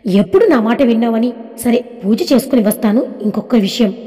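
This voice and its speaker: A woman's voice: fairly high pitch, lively intonation, brisk, mellow, lightly acted. A woman voicing a fond, scolding mother-in-law. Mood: coaxing. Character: caring older mother-in-law, affectionate and scolding. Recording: long reverb.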